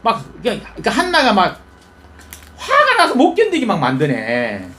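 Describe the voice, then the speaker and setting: A man's voice: high voice, wildly swooping pitch, moderate pace, pushed and bright, slight background noise. A male pastor preaching in a folksy storytelling manner, often asking the congregation questions. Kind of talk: conversational sermon.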